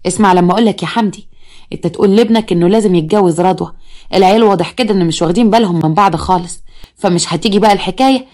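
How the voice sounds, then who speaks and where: A woman's voice: mid-range voice, racing, darkish tone, natural voice. A woman voicing a bossy Egyptian stepmother. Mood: scheming. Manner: pushy and scolding. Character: scheming middle-aged stepmother, bossy and sharp.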